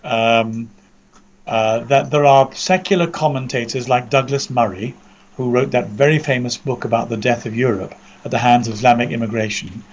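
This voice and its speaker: Dull lo-fi call, measured English man. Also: medium pitch, fairly even intonation. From Britain. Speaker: commentator, co-presenter. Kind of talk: conversational news commentary. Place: indoors under a roof, remote audio call.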